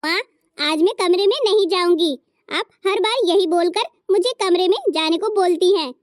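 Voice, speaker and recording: A woman's voice: very high-pitched, moderate pace, no echo, clean studio sound. A woman voicing a kind teenage sister-in-law in a cartoon story, who speaks up earnestly for her brother's wife. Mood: pleading. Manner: earnest, pleading.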